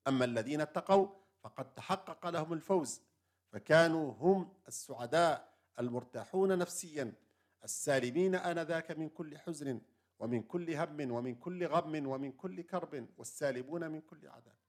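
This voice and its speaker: A man with a slightly raised voice delivers an earnest sermon. He leans on repeated short phrases and lists one after another, building them up with steady conviction. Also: a little high, fairly quick. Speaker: preacher.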